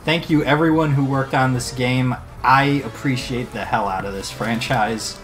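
A man's voice: mid-range voice, moderate pace, fairly bright tone, faint music behind. A man co-hosting a let's play, chatting earnestly about the games he loves, with dry quips. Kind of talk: casual gaming commentary.

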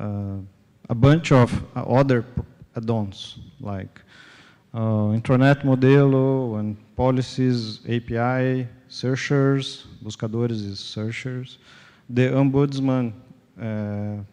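Young Brazilian man, Portuguese accent, giving a tech conference talk: slow and mellow, stop-start delivery, long hall reverb. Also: mid-range voice. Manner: halting, many fillers and restarts. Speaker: conference speaker.

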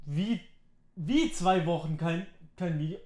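A man giving casual let's-play commentary as a YouTube gamer, halting and restarting his words, excitable and yelling as he plays. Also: fairly high pitch. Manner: halting, stumbling over words, restarting often; excitable, shouting and laughing while playing. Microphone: headset.

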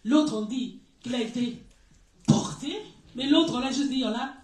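A woman's voice: sits high, measured pace. A woman preacher giving a conversational sermon, asking her listeners questions and breaking into brief laughs. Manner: lively, asks the congregation questions, brief laughs. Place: church hall. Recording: echoey room, voice far from mic.

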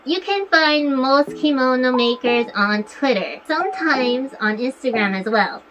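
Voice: high-pitched, lively intonation, measured pace, poor audio. A vlogger talking through a costume head, giving earnest, encouraging advice to viewers. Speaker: fursuit vlogger. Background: background music.

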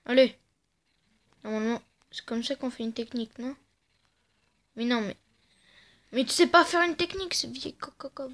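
A woman's voice: on the high side, lively intonation, moderate pace, pauses often, fairly bright tone. A woman giving casual let's-play commentary, playful and trash-talking the game, often muttering under her breath. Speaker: gamer.

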